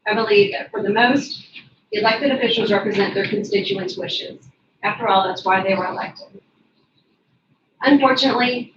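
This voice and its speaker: A woman speaking as a public commenter at a county court, reading a prepared statement in a formal, firm manner. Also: medium pitch. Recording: echoey, distant, dull and noisy.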